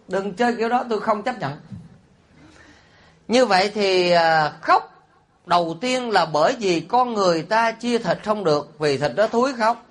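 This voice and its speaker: A man, a Buddhist monk preaching a sermon. He is animated and teasing, and often puts rhetorical questions to his listeners. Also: high voice, unhurried, pauses often. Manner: teasing and humorous.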